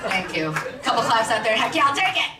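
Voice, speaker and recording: A woman from Miami delivers a brash, sarcastic stand-up set on a large theater stage. Her pitch sits high and swings a lot. The stage mic sounds distant and roomy, with audience noise behind. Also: big pitch swings, a loud crowd. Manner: brash, sarcastic, quick punchlines. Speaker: stand-up comedian. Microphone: stage microphone.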